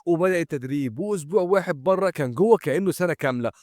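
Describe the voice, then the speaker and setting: A young man with an Egyptian Arabic accent narrating an anime recap in a brisk storytelling manner, talking straight to his viewers. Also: on the high side, animated, darkish tone, no echo, studio quality.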